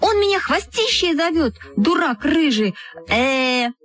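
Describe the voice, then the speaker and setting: A woman voicing a quarrelsome schoolgirl who shouts shrilly. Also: extremely high pitch, huge pitch swings, normal speed, voice pushed up, exaggerated voice. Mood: shrill.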